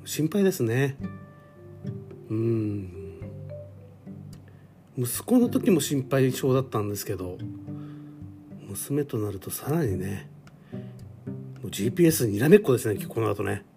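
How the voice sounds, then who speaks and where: A man's voice: mid-range voice, very animated, measured pace, long pauses, music in the background. A man in his forties hosting a casual solo podcast, rambling and self-deprecating with lots of fillers. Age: 40s. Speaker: podcast host. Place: home.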